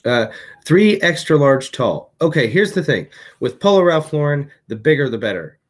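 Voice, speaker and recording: A man's voice: on the high side, big pitch swings, moderate pace. A tired man hosting a casual vlog, chatting through items he resold, with lots of fillers and restarts. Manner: chatty, many fillers and self-corrections. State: tired, hiccuping late at night. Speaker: eBay reseller vlogger.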